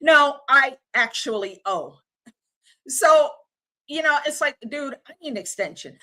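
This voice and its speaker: A woman's voice: sits high, animated, measured pace, sharp tone. A woman, hosting a livestream and ranting in an exasperated, casual, slangy way. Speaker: livestream host.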